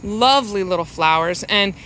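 A woman walking through her suburban backyard garden, filming with a handheld phone and explaining each plant in an unhurried, fond way. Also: medium pitch, animated, fairly bright tone, slight background noise, rough recording. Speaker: home gardener giving a garden tour. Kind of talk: casual walking garden tour. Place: outdoors in a suburban yard garden. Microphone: handheld phone camera, speaker behind it.

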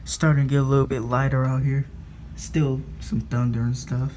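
A young man from the United States, speaking at medium pitch with a flat, slightly mellow delivery and normal speed, vlogs indoors while recording a thunderstorm from his window. He's blunt and profane, scolding at first and then muttering. Slight background noise is audible.

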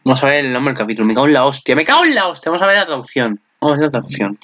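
A man with a Spain Spanish accent giving excited reaction commentary, gushing, swearing and squealing in delight. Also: mid-range voice, rapid-fire, highs cut off. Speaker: anime reaction channel host.

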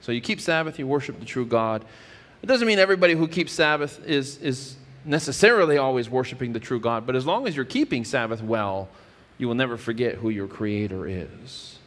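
A man's voice: medium pitch, expressive, a little fast, fairly bright tone. A man in his thirties preaching a sermon from a church stage, explaining scripture earnestly and often restarting his phrases. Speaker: pastor. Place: church stage with wood-paneled wall. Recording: church hall reverb.

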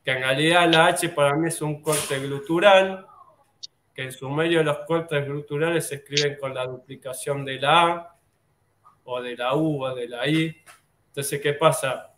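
A man's voice: a little high, fairly even intonation, a little slow, a bit bright, slight background noise. A man with a Rioplatense Spanish accent explaining things in casual talk, rambling with many fillers and restarts. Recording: echoey room.

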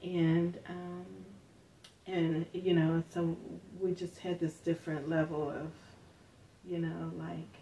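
Middle-aged woman from Northern Kentucky, interview storyteller, lowish voice, mic set back with faint hiss. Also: level tone, slow, far from the mic, rough recording. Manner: soft-spoken, many fillers, acts out quoted speech.

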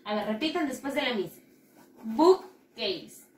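Slow, patient woman teacher in an echoey room. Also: on the high side, lively intonation. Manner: slow, patient, drilling repetition. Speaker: primary school English teacher. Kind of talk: recorded online lesson. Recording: echoey room, mic at a distance.

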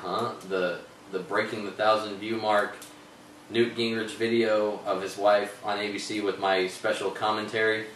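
A man's voice: lowish voice, flat delivery, moderate pace, a bit bright. A man hosting a casual political talk show, ranting in a heated, sarcastic way. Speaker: show host. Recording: echoey room, distant mic, faint noise.

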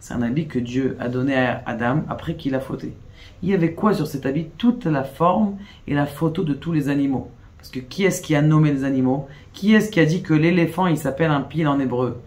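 Rabbi, male, lively storyteller, fairly high-pitched, peppers lesson with questions. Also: fairly quick. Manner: storytelling, rhetorical questions, acts out quoted pleas. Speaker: rabbi teaching Kabbalah. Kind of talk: animated Torah lesson.

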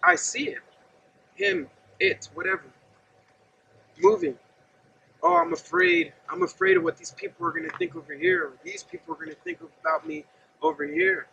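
Outdoors near a gravel lot and fence, a man in his thirties preaches earnestly in a conversational tone at normal speed, leaving long pauses. He stands well back from the camera, so the recording is muffled with a faint open-air hum, and his very high, heavily gravelly voice carries a bright, tense edge and lively pitch swings.

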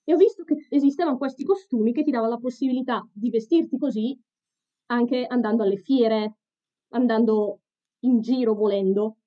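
A woman's voice: a little high, moderate pace, warm tone. A woman in a costume, speaking through its head on a video chat, earnestly explaining at length. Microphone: video chat mic. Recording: dull lo-fi video chat audio.

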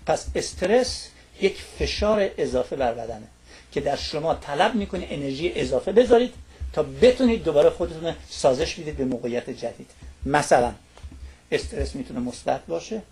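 A man with a fairly high, slightly mellow voice and lively intonation lectures as a talk show studio guest. He works through his topic in long lists, dropping little tag questions to check in with the listener.

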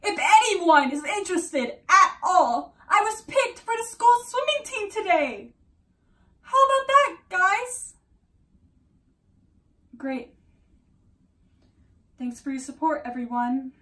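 A lonely teenage girl performed by a young woman speaks in a high, slow-paced voice. Her delivery is a theatrical dramatic monologue, earnest and wistful. She is recorded at some distance from the microphone in a room. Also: very animated, sharp tone, exaggerated voice. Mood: bitter, sarcastic. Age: young adult. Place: small room at home, indoors. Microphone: camera a few metres away.

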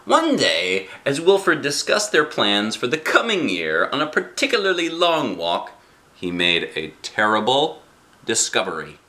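Expressive middle-aged dad reading aloud. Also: male voice, medium pitch, a little slow. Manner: playful, expressive, asking questions. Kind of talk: read-aloud storytelling with chatty asides. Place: small living room indoors. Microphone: camera a short distance away.

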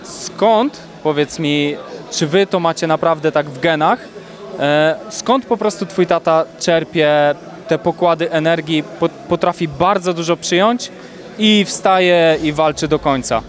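Young male reporter, long rambling questions, fillers, slightly high voice, outdoors, handheld mic. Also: measured pace. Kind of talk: post-fight interview. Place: outdoors at an event press wall.

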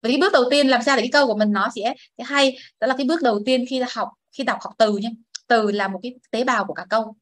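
A woman teacher runs a classroom lesson, her voice sitting a little high. She explains patiently and models each word for the class to repeat, and the sound is close and dry with little room echo. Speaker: English teacher. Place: classroom with students.

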